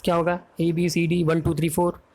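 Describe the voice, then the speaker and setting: Brisk Indian teacher drilling vocabulary. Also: male voice, fairly high pitch, completely flat delivery, a little mellow. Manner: fast, drills answers with repeated "है ना?" checks. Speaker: English exam-prep teacher. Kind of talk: quick quiz-style vocabulary lesson.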